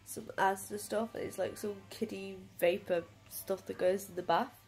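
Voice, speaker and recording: A woman's voice: medium pitch, fairly even intonation, moderate pace, a little mellow, faint music behind. A young British woman with a badly blocked nose from a head cold, chatting casually and wearily in a phone vlog. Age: 20s to 30s. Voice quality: heavily congested, blocked-nose voice. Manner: weary, self-deprecating. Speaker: vlogger and mother. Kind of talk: casual food diary vlog. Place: small living room, indoors. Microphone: phone at arm's length.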